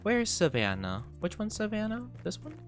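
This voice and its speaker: Bubbly male streamer with swooping, animated pitch. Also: normal speed, soft background music. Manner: bubbly, effusive, gushing thanks and greetings. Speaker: VTuber streamer host. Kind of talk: casual livestream chat while playing a game.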